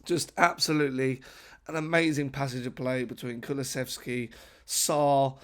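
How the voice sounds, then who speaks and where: A man hosting a casual football reaction vlog, his voice croaky from a late flight, talking excitedly with emphatic repetitions. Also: mid-range voice, moderate pace. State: croaky voice from travel. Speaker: football fan channel host.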